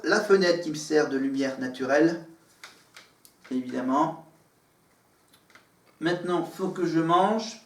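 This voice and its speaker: Man, vlogger, meandering chatter, lots of restarts, higher voice, echoey room. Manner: meandering, full of filler words and restarts. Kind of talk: rambling casual monologue to camera. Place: living room at home, in front of a green screen. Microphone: camera. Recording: echoey room, far from the mic.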